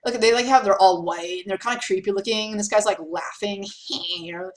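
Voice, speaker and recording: Woman history teacher, casual and animated, mid pitch, roomy echo. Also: fast talker. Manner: chatty, animated, lots of fillers. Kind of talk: casual classroom lecture.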